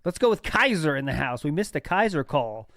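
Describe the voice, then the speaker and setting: A man's voice: on the high side, big pitch swings, fairly quick, a bit bright, no room sound, clean studio sound. A man hosting a livestream, chatting casually and chuckling as he reads out viewer messages. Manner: laid-back, chuckling, reads out submitted messages. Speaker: stream host. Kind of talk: casual chat.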